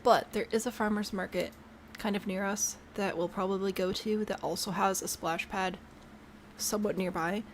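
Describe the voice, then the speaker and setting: A woman's voice: medium pitch, steady tone, moderate pace, slight background noise. A woman chatting casually to herself while she builds in a video game, bubbly and prone to trailing off mid-thought. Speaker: game streamer.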